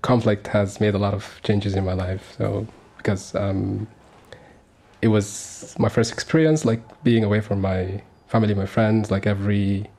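A man in his thirties from Sudan, talking as a radio guest in a low, gravelly and somewhat husky voice. His tone is mellow and fairly flat in pitch. He speaks earnestly, pausing often with fillers and restarting his sentences. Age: 30s. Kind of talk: conversational radio interview.

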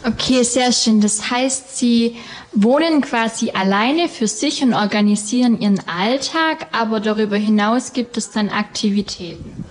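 A woman's voice: on the high side, unhurried. A woman in her twenties, a student, politely asking interview questions with some hesitation. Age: 20s.

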